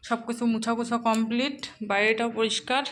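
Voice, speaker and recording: A woman's voice: a little high, steady tone, a little fast, slight background noise. A woman in her thirties with a colloquial North Bengal Bengali accent, chatting to viewers about cooking and housework at home. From North Bengal, India. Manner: chatty, talks to viewers directly; speaks softly at times so a sleeping child stays asleep. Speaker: home vlogger, mother. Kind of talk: casual narration of chores. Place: home kitchen and rooms, indoors.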